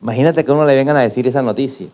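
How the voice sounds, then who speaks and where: A man's voice: medium pitch, rapid-fire, dark tone. A middle-aged male pastor preaching a sermon, emphatic and prompting the congregation to repeat after him.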